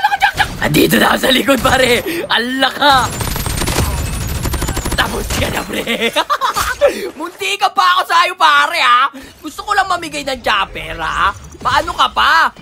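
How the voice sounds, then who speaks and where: A woman from the Philippines giving excited, slangy live gameplay commentary, often shouting and laughing. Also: sits high, gravelly. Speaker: gaming streamer. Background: game music and sounds.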